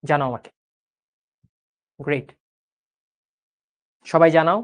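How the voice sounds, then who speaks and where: Male tutor, 20s, brisk quiz-style recap with frequent check-ins and English asides. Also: a little high, steady tone, highs cut off. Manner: brisk quizzing, checking in often with rhetorical questions; mixes English words into his speech. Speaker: biology tutor. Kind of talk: online recap lesson.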